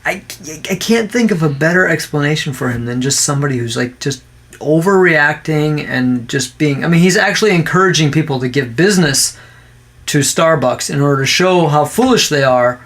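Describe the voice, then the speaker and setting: A man with a Minnesota accent co-hosting a podcast in casual chat, ranting sarcastically and breaking into loud mocking voices. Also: a little high, expressive, normal speed. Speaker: podcast co-host.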